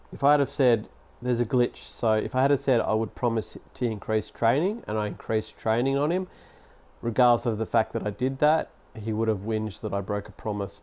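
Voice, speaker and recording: A man's voice: lowish voice, a little mellow. A man giving casual, sarcastic commentary while playing a basketball management game. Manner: chatty, sarcastic, grumbles at the game. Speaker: gaming YouTuber.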